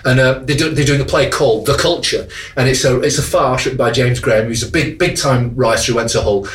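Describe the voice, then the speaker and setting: A man's voice: medium pitch, fairly even intonation, fairly quick, fairly bright tone, echoey room, recorded from a distance. A man, an actor co-hosting a radio show, chatting casually with self-mocking jokes.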